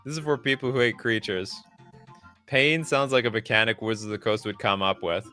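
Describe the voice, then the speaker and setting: A man streaming live, reacting loudly and sarcastically while rating cards and answering chat. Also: lowish voice, steady tone, a little fast, faint music behind.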